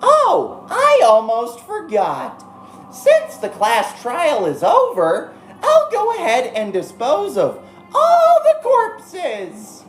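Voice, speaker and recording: A woman's voice: extremely high pitch, huge pitch swings, roomy sound, soft background music, voice pushed up, heavily acted, poor audio. A woman doing a gleeful, gloating robot bear. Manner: sing-song, drawn-out, gloating. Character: mischievous male robot bear, gleefully cruel.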